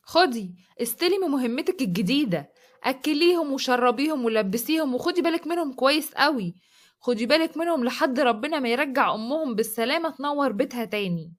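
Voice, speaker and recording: Storybook role: a woman voicing an arrogant domineering man, Egyptian Arabic, scornful commands delivered quickly. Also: high voice, expressive. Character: arrogant cruel young man, domineering husband.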